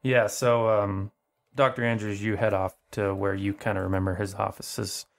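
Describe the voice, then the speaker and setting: A man's voice: lowish voice, flat delivery, moderate pace, vocal fry. A man narrating as game master, rambling and full of fillers.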